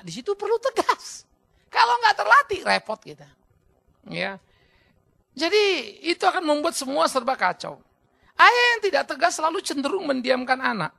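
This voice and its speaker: A middle-aged Indonesian pastor delivers a sermon in a gravelly voice, swinging from loud shouting to low asides and acting out the voices he quotes.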